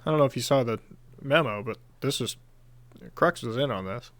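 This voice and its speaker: A man's voice: medium pitch, brisk, a bit bright, dry recording. A man narrating as game master of a tabletop game in casual chat, laughing often.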